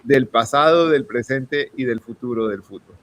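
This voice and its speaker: A man's voice: mid-range voice, normal speed, fairly bright tone. A man hosting a talk show, plainly and steadily introducing the next segment. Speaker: radio host.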